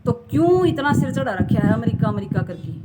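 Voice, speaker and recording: A woman's voice: fairly high pitch, big pitch swings, fairly quick. A woman vlogger, scolding her viewers in an impassioned rant full of rhetorical questions. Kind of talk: impassioned talking-to-camera rant. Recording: loud background noise.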